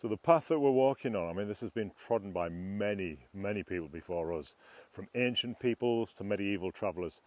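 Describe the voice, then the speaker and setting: Man, travel vlogger, low voice, outdoors, dry sound without echo, guiding viewers. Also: a little fast. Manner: addressing viewers directly. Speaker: vlogger, YouTube host. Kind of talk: outdoor travel vlog narration. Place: outdoors in the countryside.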